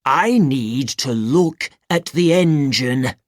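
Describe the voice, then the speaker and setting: A woman reading as a calm old grandfather. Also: a bass voice, slow, dry recording, studio quality, exaggerated voice. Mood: concerned.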